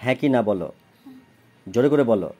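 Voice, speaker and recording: Here the tutor has a mid-range, husky, mellow voice and talks in an animated, fairly quick way. He goes through words letter by letter with a child on a homework recording, defines each one, and keeps checking comprehension with questions.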